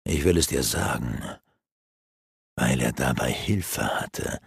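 Man voicing a scheming dark sorcerer, low sneering voice, gravelly, dry studio sound. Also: animated, dry recording, full character voice. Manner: mocking, low and slow. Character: sneering sinister male renegade sorcerer. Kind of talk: audiobook character voice.

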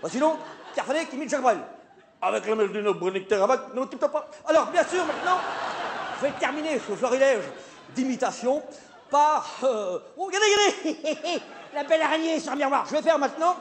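A man playing a flustered, stammering male theatre director in a live comedy sketch, hesitating and then bursting into shouts. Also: very high-pitched, lively intonation, brisk, some chatter behind. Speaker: comic stage performer. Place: theatre stage with live audience. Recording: live stage recording, audience noise.

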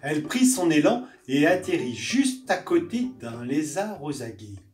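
A woman reading a children's picture book aloud with expressive storytelling. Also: sits low, measured pace. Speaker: story reader. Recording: roomy, distant mic, faint guitar. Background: soft guitar music.

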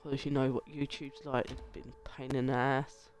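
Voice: mid-range voice, flat delivery, moderate pace. A groggy-sounding gamer with a sore throat, playfully giving casual let's play commentary and reading dialogue aloud, sex unclear. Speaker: gaming video host. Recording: music behind the voice. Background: game music.

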